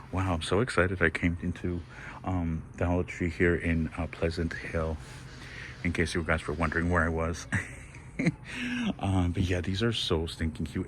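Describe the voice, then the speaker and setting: Gushing low-voiced man shopping. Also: a little hiss or hum. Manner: gushing, excitable, exclaims and laughs often. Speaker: shopping vlog host. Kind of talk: casual shop-with-me walkthrough. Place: inside a discount store.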